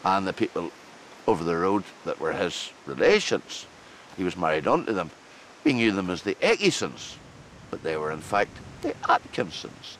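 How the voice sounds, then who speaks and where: A man's voice: low-pitched, sing-song, normal speed, fairly bright tone, slight background noise, poor audio. A man with a Northern Irish accent tinged with Ulster Scots, explaining and telling anecdotes conversationally, with emphatic phrasing and repeated words. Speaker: language enthusiast interviewed.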